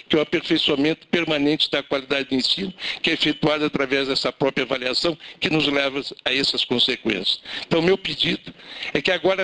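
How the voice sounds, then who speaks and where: A man's voice: on the high side, sharp tone, rough recording. A man representing private school owners, giving a formal, emphatic speech at a public hearing. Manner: emphatic, formal rhetorical speaking.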